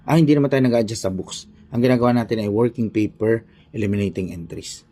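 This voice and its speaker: A man with a Filipino accent and a fairly low, mellow voice speaks fast while teaching an informal accounting lesson. He thinks aloud step by step, repeating himself as he works through an example.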